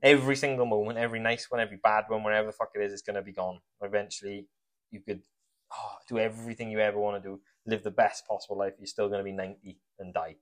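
Fast-talking sweary man. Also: lowish voice, flat delivery. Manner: sweary, rambling, philosophical. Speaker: podcast co-host. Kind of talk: casual chat.

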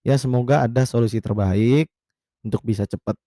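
A man's voice: a little fast, dry recording, studio quality. A man telling a story in casual slang, acting out quoted lines and sounding exasperated. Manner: animated, acts out quotes with raised pitch, exasperated.

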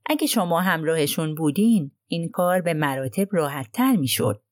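Poirot, as a woman reads him: soft, polite detective. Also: low-pitched, animated, dry recording, clean studio sound. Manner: gentle, sympathetic and polite. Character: courteous, probing male detective.

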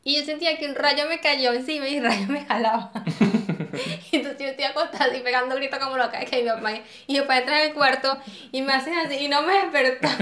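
Woman co-host, high and bright, fast-talking, animated storyteller, roomy echoey sound. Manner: animated storyteller, laughs often. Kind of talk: casual chat. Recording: roomy echo.

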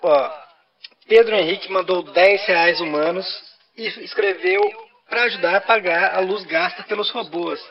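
A man's voice: high voice, measured pace, dull audio. A Brazilian man co-hosting a podcast with a half-robotic voice filter, teasing and reading out donations as a programmed machine. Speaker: podcast co-host. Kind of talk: casual banter and reading donations. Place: podcast studio.

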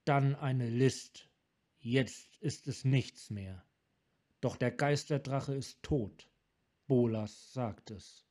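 A man voicing a tormented male wanderer who speaks in broken, halting phrases, in a fan audiobook reading. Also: medium pitch, a little mellow. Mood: haunted. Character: haunted tormented male dragon-mage wanderer.

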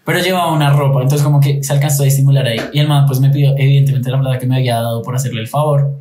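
A man's voice: mid-range voice, steady tone, rapid-fire, mellow, a little hiss or hum. A young man with a Colombian accent, telling a story in casual podcast chat with slang and laughter. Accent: Colombian Spanish. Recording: echoey room.

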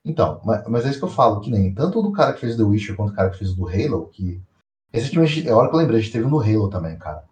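A man co-hosting a podcast in casual chat, slangy and animated, often repeating himself. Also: lowish voice, racing, reverberant. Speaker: podcast co-host.

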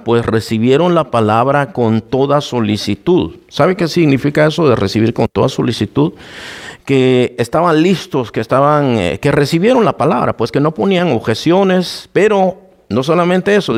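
A man delivers a sermon in with a slightly high-pitched voice. He teaches from scripture, often asking the congregation questions and addressing them as brother. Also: creaky. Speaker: pastor.

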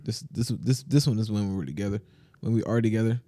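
A man's voice: fairly low pitch, quick pace, dark tone, no echo. A young man co-hosting a podcast, telling a rambling story in casual chat with restarts and laughs. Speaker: podcast co-host.

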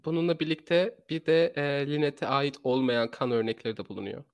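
A man's voice: mid-range voice, steady tone, fairly quick, dry recording, dull audio. Man telling true crime, very dry sound. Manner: rephrases and repeats his own sentences. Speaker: true crime podcast host. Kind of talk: conversational true crime storytelling.

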